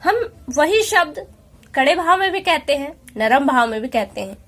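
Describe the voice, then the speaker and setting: A woman teaching an exam-prep lesson, explaining patiently step by step with rhetorical questions and slowing down to read out examples. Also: high voice, expressive, fairly bright tone. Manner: slows down to read out example sentences.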